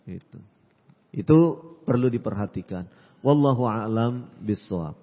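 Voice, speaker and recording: A man preaching and answering listeners' questions, giving calm advice and repeating his phrases with a frequent "ya". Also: fairly low pitch, unhurried, long reverb tail, lo-fi sound. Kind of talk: religious Q&A lecture.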